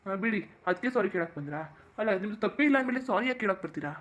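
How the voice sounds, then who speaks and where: A performer doing a young husband in a cartoon who keeps reassuring his wife in a soothing way. He speaks very fast at a mid pitch. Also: animated, a bit bright, natural voice. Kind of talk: cartoon voice acting.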